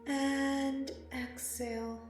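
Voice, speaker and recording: A woman speaking slowly and softly with long pauses, guiding a meditation. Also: sits high, level tone. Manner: slow, soft and soothing, with long pauses. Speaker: meditation guide. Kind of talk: guided meditation narration. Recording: very echoey, slightly distant, music behind. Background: meditation music and singing bowl.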